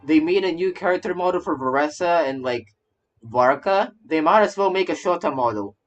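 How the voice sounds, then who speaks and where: On the high side and at a moderate pace, a man streams a game and reacts to its story in loose, rambling commentary, stammering and repeating phrases. The sound is lo-fi, with game music running behind him.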